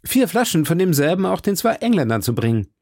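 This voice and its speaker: A man voicing an impetuous young swordsman in an audiobook, speaking urgently and a little higher than his narration. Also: expressive, normal speed, vocal fry, dark tone, no echo, clean studio sound. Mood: brisk. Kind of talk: audiobook character voice.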